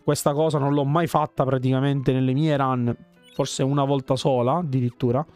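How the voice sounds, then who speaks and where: A man hosting a casual gameplay video, chatting and thinking out loud as he plays. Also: mid-range voice. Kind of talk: casual let's-play commentary.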